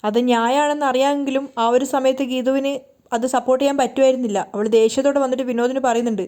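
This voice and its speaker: Mellow-voiced woman recapping a serial. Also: sits high, steady tone, fast talker. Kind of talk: storytelling recap.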